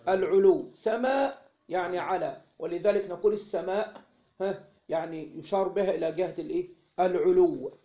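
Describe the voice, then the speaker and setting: A man with an Egyptian Arabic accent teaching a classical text, reading each passage slowly and loudly, then explaining it by asking short questions and answering them himself. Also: high-pitched, narrow, tinny audio. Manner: reads the quoted text slowly and more loudly. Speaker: religious studies teacher.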